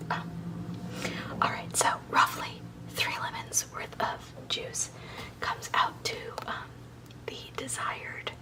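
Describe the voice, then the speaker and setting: A woman speaks entirely in a soft ASMR whisper, sounding a little distant from the microphone. She guides listeners through a recipe as the host, with chatty, instructional asides. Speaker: video host.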